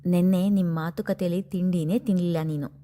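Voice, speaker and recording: A woman voicing a tender, motherly middle-aged woman who speaks gently and soothingly. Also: lowish voice, fairly even intonation, a little fast, lightly acted. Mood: caring.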